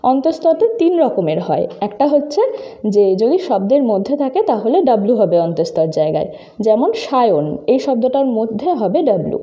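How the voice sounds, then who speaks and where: A woman's voice: fairly high pitch, mellow, highs cut off. A woman teacher patiently walking her students through a lesson step by step, speaking to them directly. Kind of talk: screen-recorded lesson explaining phonetic symbols.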